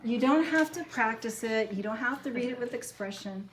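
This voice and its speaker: Speaking at a fairly high pitch and moderate pace, a woman runs a Bible class with casual, loose instructions she keeps rephrasing. The room echoes, with faint noise in the background.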